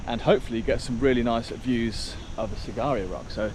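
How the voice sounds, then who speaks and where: A man's voice: medium pitch, a little fast. Male travel vlogger, casual rambling delivery, handheld camera outdoors, audible insect noise. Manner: chatty, rambling, lots of ums. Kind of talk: casual travel vlog narration. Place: outdoors on a rock trail.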